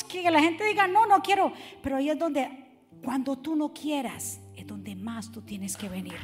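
A woman preaching a sermon in a church, building from calm teaching to fiery shouting and acting out the voices of the people she describes. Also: sits high. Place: church sanctuary. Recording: reverberant church hall with music behind.

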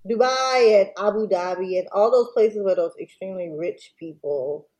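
A woman casually retelling a scam story on a podcast, slangy and digressive, pausing to laugh. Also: medium pitch, a little mellow, dull audio. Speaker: podcast host.

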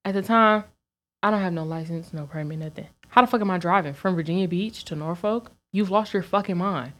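A young woman, co-hosting a podcast, telling a story in an animated, profane way and laughing often. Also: on the low side, a little fast. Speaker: podcast co-host. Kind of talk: casual storytelling chat.

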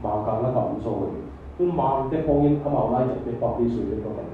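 A man's voice: medium pitch, quick pace, a little hiss or hum. A man preaching a sermon in a church hall, drawing responses from the congregation. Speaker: pastor. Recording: echoey hall, distant mic, dull sound.

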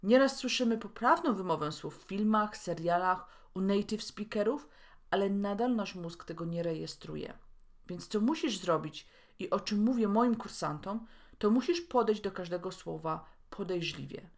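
A woman from Poland hosting a podcast lesson, speaking clearly and deliberately and slowing down to model each word. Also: mid-range voice, lively intonation. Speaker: podcast host and English pronunciation teacher.

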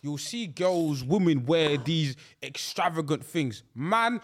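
A man's voice: a little high, lively intonation, slow. A young man with a London roadman accent and plenty of urban slang, hosting and bantering casually with repeated emphasis. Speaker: host and moderator.

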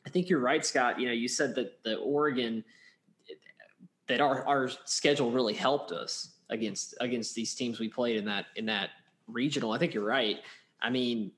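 A man's voice: medium pitch, moderate pace, a bit bright. A man co-hosting a casual sports chat, rambling with many restarts and plenty of fan enthusiasm. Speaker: podcast co-host.

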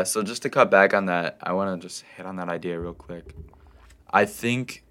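Deep-voiced young man with creaky voice, in a garage. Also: a bit bright. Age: young adult. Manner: bro-ish, informal. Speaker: podcast co-host. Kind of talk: casual podcast chat.

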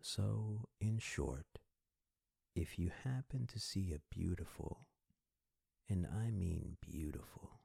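A man hosting a sleep podcast, narrating scripted stories intimately to the listener in a soothing, husky, breathy voice that often trails into a whisper. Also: low-pitched, expressive, slow pace, warm tone, no room sound, studio quality. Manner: intimate, addresses listener as a friend. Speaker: host of a bedtime sleep podcast.

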